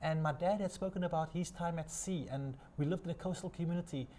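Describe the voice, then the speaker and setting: A man from South Africa with a South African accent, a studio guest telling his life story in a measured, inspirational way. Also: a little high, mellow, a little hiss or hum. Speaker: guest, sailor and keynote speaker. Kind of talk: interview storytelling.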